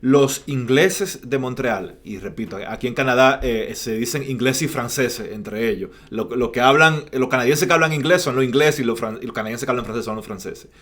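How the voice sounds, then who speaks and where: A man's voice: medium pitch, a little fast, hardly any pauses, a bit bright. Playful man telling stories. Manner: playful, storytelling, frequent "ujú" backchannels. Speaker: podcast co-host. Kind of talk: casual chat. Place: lives in Canada, remote call.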